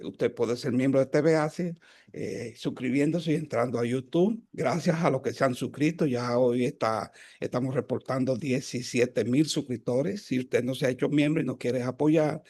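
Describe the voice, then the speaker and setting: A man's voice: mid-range voice, darkish tone. Rambling male host on a video call. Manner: rambling announcements with frequent fillers and self-corrections. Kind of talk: hosting a video-call health program.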